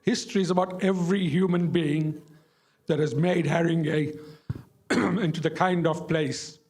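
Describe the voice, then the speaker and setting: This older Zimbabwean man, once a local councillor and activist, addresses an audience with impassioned memories of that time. He has a fairly high, slightly mellow voice, fairly even intonation and a somewhat slow delivery. His style is emphatic and plain, with phrases repeated for effect.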